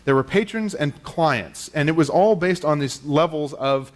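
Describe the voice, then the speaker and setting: A man's voice: on the high side, normal speed. Man preaching at a pulpit microphone. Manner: explanatory, conversational with fillers. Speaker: pastor. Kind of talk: teaching sermon. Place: church sanctuary.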